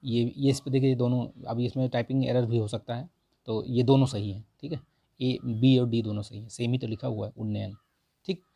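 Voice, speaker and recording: Man, gravelly voice, dry close sound, teaching a test, repeats the correct forms. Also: mid-range voice, steady tone, fairly quick, warm tone, no echo. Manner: repeats the right forms and says "ठीक है" often. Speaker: exam prep teacher. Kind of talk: explaining a Hindi vocabulary test.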